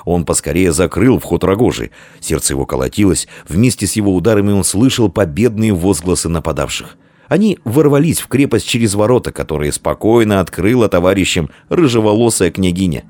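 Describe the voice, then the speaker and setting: A man narrating a children's story with expressive reading. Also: deep voice, a little fast, dry recording. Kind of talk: audiobook narration.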